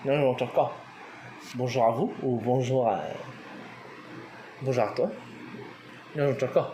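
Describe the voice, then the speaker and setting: A man's voice: medium pitch, steady tone, a little slow, warm tone, slight background noise. A man giving an informal language lesson, hesitant with many fillers, spelling words out letter by letter. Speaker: language teacher.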